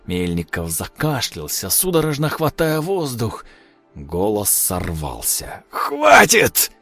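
Slow, low-voiced male horror narrator. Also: very animated, no echo, soft background music. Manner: measured, dramatic storytelling. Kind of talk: dramatic audiobook narration.

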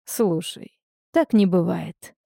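A woman voicing a cynical, hard-bitten ex-convict man who speaks low and coaxing, then turns harsh, in an audiobook. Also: slow pace, vocal fry, warm tone, dry recording, studio quality, full character voice. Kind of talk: audiobook character reading.

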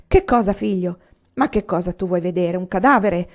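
A woman voicing an old widowed grandmother who speaks low and hushed, in a slightly dull lo-fi recording. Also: normal speed. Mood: frightened. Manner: low and hushed, at times whispered.

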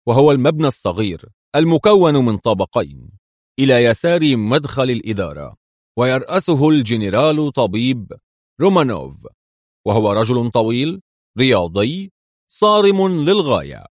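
A man voicing a calm, confident male Egyptian secret agent who speaks with cool assurance. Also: mid-range voice, normal speed, no room sound, studio quality. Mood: calm, assured.

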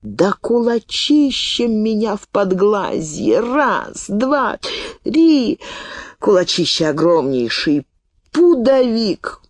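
A woman's voice: mid-range voice, slow, no room sound, pitched above the performer's own voice. A woman reading an audiobook, voicing a shrewd, talkative old woman peddler who tells her tale in a folksy, indignant way. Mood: indignant storytelling. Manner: folksy storytelling, lively and indignant.

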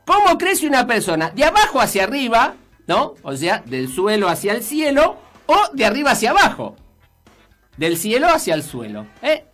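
A woman's voice: mid-range voice, a bit bright. A woman with an Argentine accent hosting a children's radio show, chatting playfully and putting riddles and questions to her listeners.

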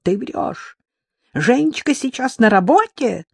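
A woman's voice: fairly high pitch, very animated, slow pace, creaky, breathy edge, dry recording, studio quality, pitched above the performer's own voice, exaggerated voice. A reader voicing an older woman, the hostile, overbearing mother of a grown son, who shrieks accusations over the telephone. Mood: panicked shrill.

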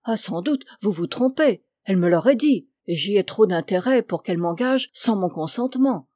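A woman's voice: medium pitch, animated, normal speed, warm tone, no room sound, studio quality, lightly acted. A woman voicing a vain, proud young princess in a storybook reading, with a pleading, emphatic delivery. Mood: indignant.

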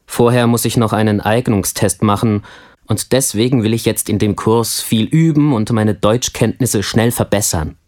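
A man playing a friendly young family man in a language course, answering interview questions in a scripted textbook dialogue with calm, clear speech. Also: fairly low pitch, normal speed, natural voice. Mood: friendly, relaxed.

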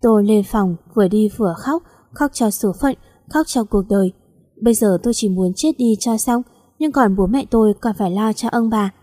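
A woman's voice: medium pitch, moderate pace, warm tone. A woman narrating a story aloud and reading every character's part in one voice. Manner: reads all characters in one voice.

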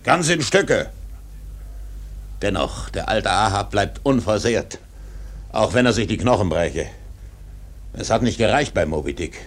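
An actor playing an old, obsessed whaling captain in a radio drama, husky and declamatory, commanding and brooding. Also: male voice, lowish voice, big pitch swings, a little slow, pauses often. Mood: weary, defiant. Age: older. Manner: declamatory, barking orders. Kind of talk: theatrical radio drama acting.

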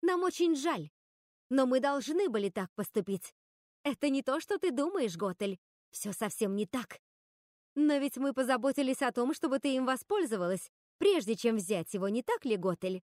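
A woman's voice: high-pitched, lively intonation, moderate pace, a little mellow, no echo, clean studio sound. A woman voicing a nervous witch sister who pleads and apologizes. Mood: pleading. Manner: anxious, pleading.

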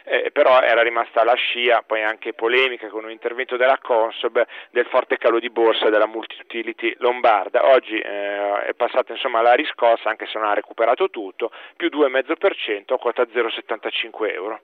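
A man of middle pitch gives a live radio market report, calmly explaining stock moves. His voice comes over a dull, lo-fi link with a dry sound. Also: fairly quick, hardly any pauses, no room sound. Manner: explanatory, steady, with fillers. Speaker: market correspondent.

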